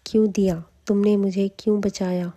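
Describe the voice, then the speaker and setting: A woman voicing a young male dragon slayer, stunned and resentful, in a slow, flat storytelling recap. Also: mid-range voice, close to an everyday voice. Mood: upset.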